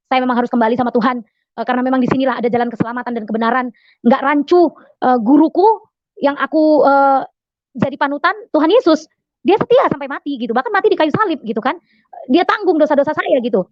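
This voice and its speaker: A woman's voice: high-pitched, no echo, lo-fi sound. A woman giving a personal testimony in an earnest storytelling manner, full of "eh" fillers and addressing the audience directly. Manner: addresses listeners as Bapak Ibu Saudara. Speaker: testimony speaker.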